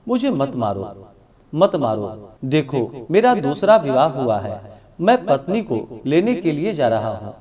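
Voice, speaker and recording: A man's voice: mid-range voice, very animated, slow, a little mellow, far from the mic. A man voicing a frightened young male brahmin in a devotional story reading, begging for his life. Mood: pleading. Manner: pleading.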